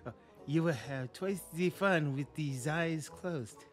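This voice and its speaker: A man's voice: on the high side, soft background music. A man voicing a flirty male spa attendant with a put-on French accent, teasing and sultry. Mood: seductive. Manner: sultry, teasing, drawn-out delivery.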